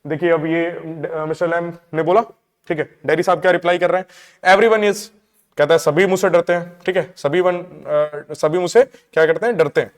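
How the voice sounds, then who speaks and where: A male teacher with a fairly high voice explains a text line by line. He reads each English line slowly and then explains it, checking in often with his class. A long reverb trails behind him. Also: fairly even intonation. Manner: frequent checking fillers.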